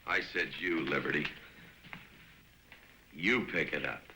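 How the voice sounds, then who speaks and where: An actor playing a menacing outlaw who bullies a stranger, speaking slowly and low. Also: male voice, bright, forceful tone, a little hiss or hum, heavily acted, low-quality recording. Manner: slow, low, threatening.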